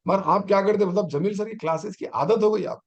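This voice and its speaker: A man's voice: sits high, a little fast. A middle-aged man, a teacher trainer giving an online exam-prep lecture and urging his students on with rhetorical questions.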